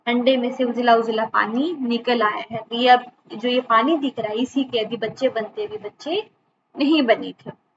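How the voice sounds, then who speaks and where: A woman's voice: fairly high pitch, fairly even intonation, moderate pace, lo-fi sound, a little hiss or hum, natural voice. A woman teacher reading the lines of a young boy who gets cross with his little sister. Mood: irritated. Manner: snappish when he loses his temper. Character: young village boy, scolded and sulky.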